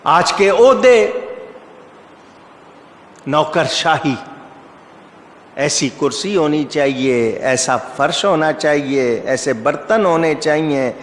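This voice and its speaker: A male Islamic preacher giving a sermon, telling stories with emphatic rises and asking the audience rhetorical questions. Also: fairly high pitch. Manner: storytelling with rising emphatic outbursts. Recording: echoey hall reverb.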